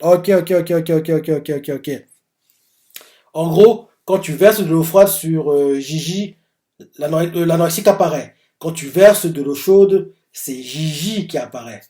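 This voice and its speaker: A man hosting a casual live reaction to a manga chapter, rambling and animated with constant filler words. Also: fairly high pitch, measured pace. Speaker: manga reaction channel host.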